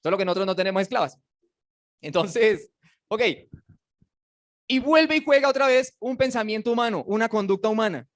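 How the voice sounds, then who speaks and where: A man teaching a casual Bible class, animated and joking, and putting questions to his students. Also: sits high, moderate pace, pauses often. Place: classroom with slides.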